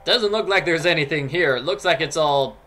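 A man's voice: fairly high pitch, a little fast, sharp tone. A man giving casual, playful, rambling commentary as he plays a game. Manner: playful, rambling, mock-dramatic asides. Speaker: gamer, let's play commentator. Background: game music.

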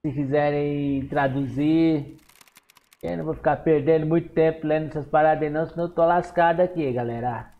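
A man with a Brazilian accent giving excitable commentary on a horror game, exclaiming and talking back to the characters on screen. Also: fairly high pitch, fairly quick, phone-quality sound. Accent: Brazilian Portuguese. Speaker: gameplay streamer.

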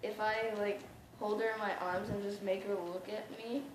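A woman's voice: medium pitch, flat delivery, moderate pace. A young woman casually chatting while playing a video game, talking with lots of "like" and giggling. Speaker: gamer. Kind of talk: casual gaming chat. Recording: echoey room with loud background noise.

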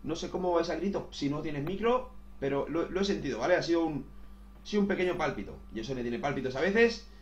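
A man commentating his own game, excitable, swearing and saying "tío" all the time. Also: fairly high pitch, quick pace, roomy sound, muffled recording. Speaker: gaming youtuber. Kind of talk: casual gameplay commentary.

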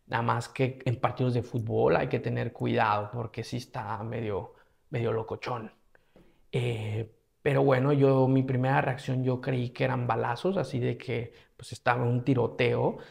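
A man from Mexico with a Mexican Spanish accent, casually telling a story as a travel vlogger, slangy and animated, acting out his own reactions. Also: medium pitch, creaky.

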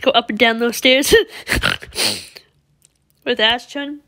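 A woman's voice: on the high side, takes it slowly, bright, forceful tone. A woman giving casual, rambling commentary over a game she is playing, often stopping herself mid-sentence. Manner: rambling, chatty, self-interrupting. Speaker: gameplay video host.

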